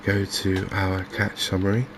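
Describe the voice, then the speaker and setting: Here a man narrates gameplay in hushed ASMR fashion, his deep-set voice showing little pitch movement. The delivery comes in gentle, halting understatement over audible background noise.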